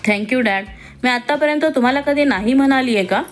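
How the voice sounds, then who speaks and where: A woman's voice: sits high, a little fast, soft background music, natural voice. A woman voicing an outspoken, teasing young woman who has just qualified as a doctor, in a read-aloud story. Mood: lively. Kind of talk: storybook reading.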